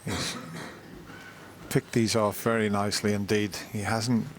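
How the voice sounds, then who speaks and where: A man's voice: on the low side, flat delivery, unhurried, noisy background. A man giving live snooker commentary as a broadcast commentator. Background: snooker arena crowd.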